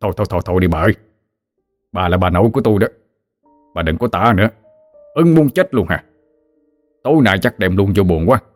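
A man's voice: low-pitched, expressive, fairly quick, long pauses, soft background music. A man in his fifties playing a jumpy, easily scared farmer husband, with a Southern Vietnamese accent, talking in frantic exclamations. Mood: panicked. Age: 50s.

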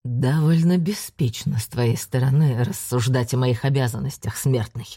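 A woman voices an arrogant male demonic guardian, lording it over mere mortals. The voice sits very low and dark, close and dry, with a contemptuous, hissing edge. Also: moderate pace, no room sound. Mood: menacing.

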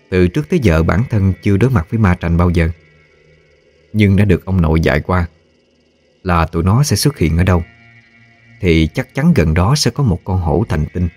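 A man narrating a ghost story in a slow, ominous storytelling manner. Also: sits low, darkish tone, breathy edge.

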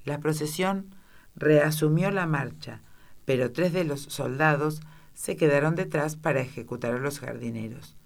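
A woman narrating a children's classic as an audiobook, with expressive storytelling. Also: a bass voice. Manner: expressive storytelling, shifting into character voices. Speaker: audiobook reader.

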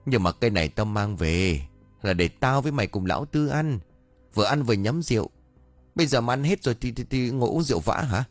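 A man's voice: medium pitch, lively intonation, quick pace, no room sound, soft background music, voice pushed up, close to an everyday voice. A man voicing a grumpy, cunning old male exorcist who scolds and mutters curses in a ghost story. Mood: gruff grumbling.

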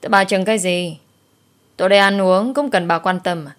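Woman reading a brash older village woman, loud, mocking, storybook telling. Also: medium pitch, fairly quick, close to an everyday voice.

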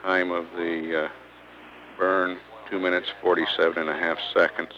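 A man giving mission status commentary, halting and pausing often between figures. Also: low-pitched, little pitch movement, bright, forceful tone. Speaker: public affairs mission commentator. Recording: dull lo-fi archival feed, faint noise.

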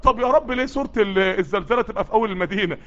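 On a dull lo-fi recording, a sweaty, worked-up preacher with an Egyptian Arabic accent rouses a live group through repeated calls that keep building. He has a high, fairly bright voice and speaks very fast.

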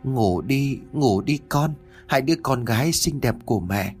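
A man voicing a grief-stricken mother who pleads and sobs for her daughter, raised high above his own voice. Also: expressive, measured pace, husky, faint music behind. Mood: lullaby. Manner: pleading, sobbing.

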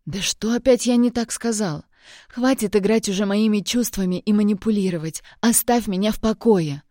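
A woman's voice: mid-range voice, fairly even intonation, normal speed, dry recording, studio quality, lightly acted. Woman voicing a sobbing, furious young woman. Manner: sobbing, shouting accusations. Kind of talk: audiobook reading.

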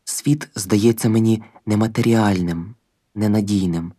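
Husky man reading a novel aloud. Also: fairly low pitch, fairly even intonation, measured pace, warm tone. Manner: first-person narration in short clipped phrases, heavy swearing in places. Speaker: narrator.

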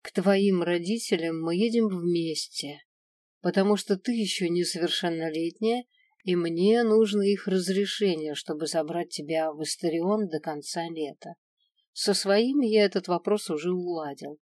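A woman voicing a self-assured male dragon in an audiobook, calm, dry and commanding. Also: on the low side, normal speed, no room sound, recorded from a distance, close to an everyday voice. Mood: calm, wry.

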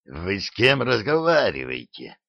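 A man reads aloud as a blustering wizard, hissing threats, his voice low and a touch raised when angry. The recording is dull and dry, like an old audiobook. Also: big pitch swings, measured pace, a bit bright, no echo. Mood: threatening. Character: wizard vice-rector, frightened then menacing.

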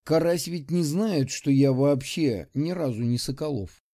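A man narrates a first-person audiobook in a steady, measured way. His voice sits fairly high for a man. The tone is mellow and dark.

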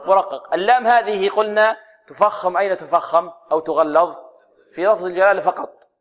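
A man teaching Quran recitation rules to students, asking questions and then answering them himself, and demonstrating letters and verses slowly. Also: sits high, fairly even intonation, muffled recording. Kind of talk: tajweed lesson for students.

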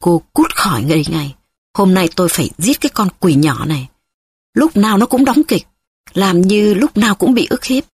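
A woman's voice: expressive, moderate pace, slightly rough, no echo. A woman reading an audiobook, voicing a furious, spiteful middle-aged wife who hurls scornful insults. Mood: enraged. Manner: shrill, scornful, shouting insults.

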